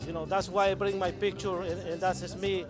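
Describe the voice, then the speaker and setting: Man, high voice, hesitant, broken english, outdoors, clear music behind. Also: flat delivery, fairly quick. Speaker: interviewee. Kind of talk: street interview.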